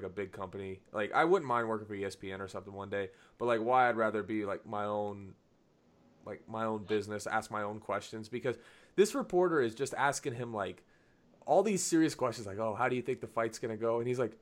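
A man's voice: fairly low pitch, fairly quick. A man hosting a podcast in casual chat, telling stories with lots of fillers and acting out what others said. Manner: animated storyteller, acts out quotes; laughs often, many fillers. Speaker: podcast host.

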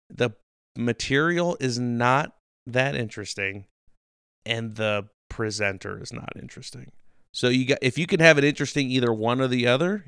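A man from Illinois co-hosts a relaxed history podcast with a joking, chatty manner. His voice has a gravelly edge but stays resonant. It is recorded close, with a dry sound. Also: mid-range voice, no room sound. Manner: joking, chatty, quick asides. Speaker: podcast co-host. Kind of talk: casual history chat.

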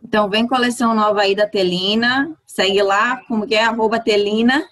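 Woman podcast host from São Paulo, relaxed slangy chat, mid pitch. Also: a little fast. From São Paulo, Brazil. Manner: easygoing, slangy, upbeat.

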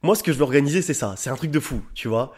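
A young man hosting his own podcast, talking casually and straight to his listeners in a slangy, excitable way. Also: mid-range voice, racing, breathy edge. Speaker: podcast host. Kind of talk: casual solo podcast talk.

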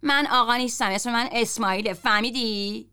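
A woman reading the lines of a gruff, foul-mouthed grown man who grumbles and swears in a story. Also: on the high side, expressive, fairly bright tone.

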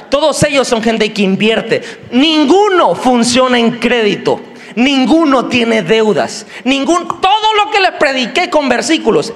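A man with a Mexican Spanish accent preaching a sermon, animated and joking, sometimes squealing in a high put-on voice. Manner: animated, jokey, acts out squealing characters in a high voice. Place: large church hall. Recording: long hall reverb.

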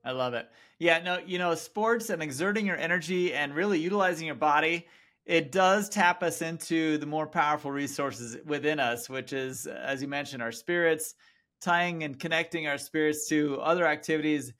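Bright, high-voiced enthusiastic podcast host. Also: male voice, normal speed. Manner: enthusiastic, affirming. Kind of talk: casual interview.

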